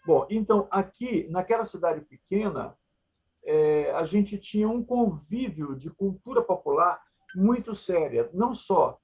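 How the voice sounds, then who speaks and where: An older Brazilian man with a Maranhão accent rambles through his memories in a casual interview. His voice is gravelly and husky, pitched a little high. He is blunt and playful, and the recording sounds dull and lo-fi. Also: lively intonation, measured pace, darkish tone. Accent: Maranhão Brazilian Portuguese. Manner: blunt, joking, earthy and digressive. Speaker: puppeteer and researcher, guest.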